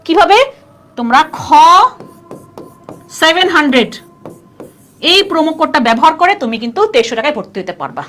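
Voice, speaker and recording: A woman's voice: high-pitched, sing-song, normal speed, long pauses, fairly bright tone. A woman teaching a live online class, chatty and constantly quizzing her students. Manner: chatty, keeps asking students questions.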